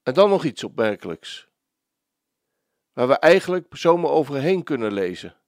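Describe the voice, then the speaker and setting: A man preaching a devotional sermon, slow and emphatic, with dramatic pauses. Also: mid-range voice, very animated, no room sound, studio quality.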